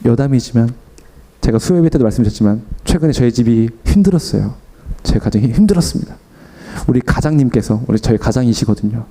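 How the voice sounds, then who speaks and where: A young man preaches an afternoon sermon in a quick, mid-range voice. He tells a personal story animatedly, acting out both his own lines and what other people said.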